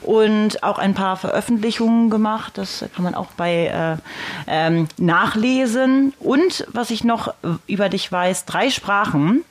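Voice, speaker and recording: A woman's voice: medium pitch, measured pace. A woman co-hosting a podcast, introducing a guest in a cheerful, teasing way. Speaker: podcast co-host. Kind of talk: casual chat, introducing a guest.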